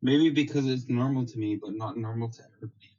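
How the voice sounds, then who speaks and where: A Canadian-accented guest chats casually online, rambling, hesitant, and often self-deprecating. His mid-range voice is mellow and quick, and the audio is slightly dull lo-fi.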